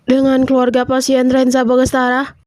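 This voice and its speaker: A woman voicing a calm hospital doctor in an animated fan drama, delivering news in a formal, polite way. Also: high-pitched, moderate pace, no room sound, studio quality, lightly acted.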